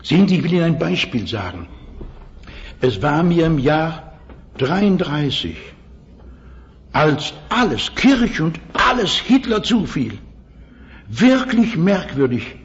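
An older man preaching an Easter sermon to a congregation, earnest, asking the listeners questions and slowing down for scripture. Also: a little high, very animated. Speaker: pastor. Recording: dull lo-fi old sermon recording.

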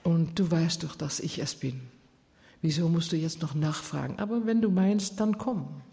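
A man preaching a sermon, retelling the story earnestly with dramatic pauses. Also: a little high, creaky, mellow. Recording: long church reverb.

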